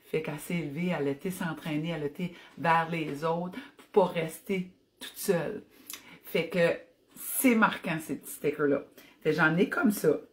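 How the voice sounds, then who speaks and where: Middle-aged Acadian woman, fitness vlogger, slightly low voice, energetic casual live-stream chat. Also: moderate pace, a little hiss or hum. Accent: Acadian French. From New Brunswick, Canada. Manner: chatty and enthusiastic, mixes in English phrases.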